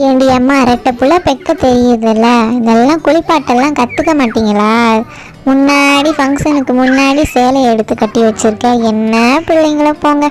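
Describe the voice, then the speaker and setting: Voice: high voice, normal speed, lightly acted. A performer doing a fussy bossy old grandmother. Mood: fussy scolding. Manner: scolding and coaxing, fussy. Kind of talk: doll play-acting drama.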